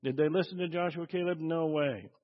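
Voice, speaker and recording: A male pastor preaching a conversational sermon, asking the congregation questions and often pausing with fillers. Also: on the high side, steady tone. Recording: dull audio with long hall reverb.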